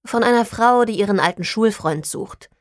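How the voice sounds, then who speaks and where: A woman voicing a female detective agency owner who speaks in a polite, measured, businesslike way in a storybook reading. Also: a little high, no room sound, studio quality, close to an everyday voice.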